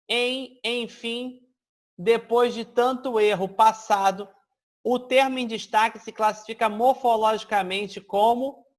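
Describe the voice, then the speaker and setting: A man whose voice sits high teaches grammar for exam preparation. Checking in with listeners often, he explains one step at a time and elongates example words as demonstrations.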